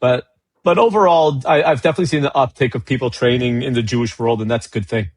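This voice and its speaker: Man, podcast guest, husky voice, dry close sound, lively storyteller who repeats and restarts. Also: medium pitch, fast, no room sound. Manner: storytelling, acts out dialogue with frequent restarts. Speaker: guest, gun rights advocate. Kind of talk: casual podcast chat.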